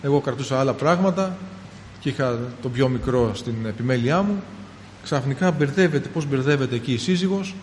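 A man in his thirties preaching a personal testimony, calling his listeners brothers and rising into fervent, shouted prayer. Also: mid-range voice, animated, a little hiss or hum. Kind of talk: sermon testimony. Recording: long hall reverb, faint ambience.

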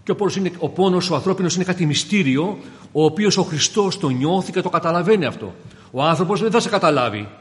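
A man preaching a sermon to his congregation, fervent and swinging from hushed passages to loud ones, often calling them brothers. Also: high-pitched, lively intonation. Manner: keeps addressing the congregation as brothers. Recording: long reverb of a large hall.

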